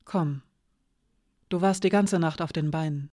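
A reader voicing calm, self-assured Hiraya. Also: medium pitch, a little slow, dry recording, studio quality, close to an everyday voice. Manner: calm and soft-spoken. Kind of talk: audiobook character reading.

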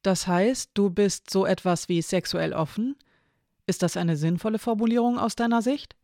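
A considerate non-binary character in a spoken story, measured and gentle, with a dry streak of irony, as a reader puts them on. The voice sounds gravelly and creaky, close-miked in a dry space. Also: medium pitch, no echo, close to an everyday voice. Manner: thoughtful, measured phrasing. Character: non-binary person, careful, gently ironic.

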